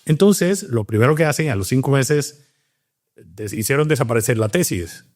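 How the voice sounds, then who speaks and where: A man's voice: medium pitch, animated, moderate pace, darkish tone. A man from Cuba, a doctor and scientist, telling his story in a casual interview, thoughtful and full of restarts. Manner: reflective, with many fillers and restarts.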